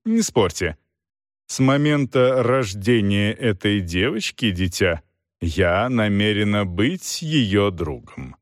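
A man's voice: fairly low pitch, expressive, slow, dry recording, clean studio sound. A man voicing a stern, imperious older aunt in an audiobook reading, with a curt, commanding and dismissive manner. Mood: brusque.

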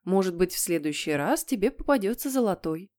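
A woman's voice: medium pitch, animated, fairly quick, darkish tone, dry recording, lightly acted. A woman voicing a stern, firm mother in an audiobook reading. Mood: calm. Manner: firm, commanding. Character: stern mother of two boys. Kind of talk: audiobook character voice.

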